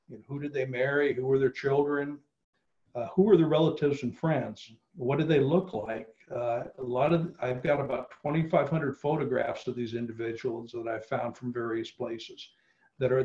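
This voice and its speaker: Speaking over a video call, a middle-aged man presents on genealogy in a casual way, with plenty of fillers and false starts. His voice is mid-range and a little mellow, and the audio is somewhat dull.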